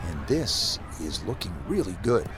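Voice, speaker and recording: A man commentating on golf for a broadcast, with a polished, measured announcer delivery. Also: low voice, sing-song, over a noisy crowd, heavy background noise.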